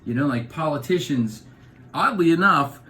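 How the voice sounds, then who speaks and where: A middle-aged New Yorker with a New York accent vlogs in a casual comic monologue, animated and digressive, hopping between topics and slipping into voices. He speaks on the high side at a normal speed.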